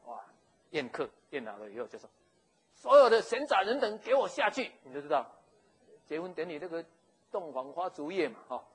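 A man, telling a story in a sermon in an animated, jokey way. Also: medium pitch, breathy edge, rough recording. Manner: animated, jokey, with frequent chuckles and restarts. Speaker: pastor.

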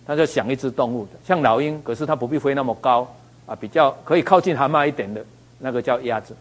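Male motivational speaker, lively storyteller, tosses out rhetorical questions. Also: mid-range voice. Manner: animated storyteller, asks the audience rhetorical questions. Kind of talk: motivational talk with anecdotes.

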